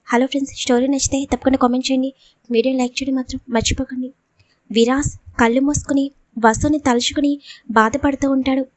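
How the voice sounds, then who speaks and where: A woman narrates a serial audio story in a steady, expressive storytelling voice. Her voice is high and clear, and the recording is dry and close, with no room sound at all. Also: fast talker, no echo.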